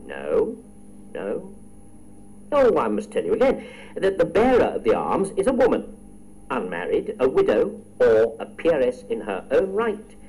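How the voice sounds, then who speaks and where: A man's voice: mid-range voice, wildly swooping pitch, unhurried, dark tone, low-quality recording. A man hosting a radio quiz, reading questions and teasing contestants in chatty asides. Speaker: quiz show host.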